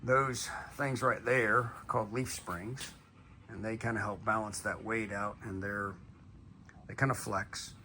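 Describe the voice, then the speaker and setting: A middle-aged man talking casually to camera in a calm, unhurried, folksy way, like a plain-spoken motivational teacher. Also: lowish voice. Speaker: video host and teacher. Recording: some background noise.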